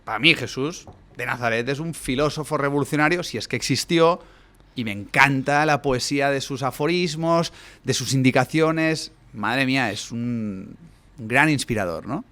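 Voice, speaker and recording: A man's voice: mid-range voice, normal speed, fairly bright tone. A man, a guest coach explaining his ideas at length in a podcast conversation, often closing points with rhetorical questions. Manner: expansive, lecturing, frequent rhetorical tag questions.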